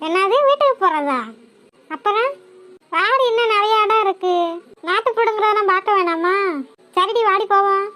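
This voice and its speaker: A woman's voice: very high voice, moderate pace, pauses often. A woman voicing chatty young village women in a cartoon, teasing and bossy. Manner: lively, teasing, bossy banter. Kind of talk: cartoon voice acting.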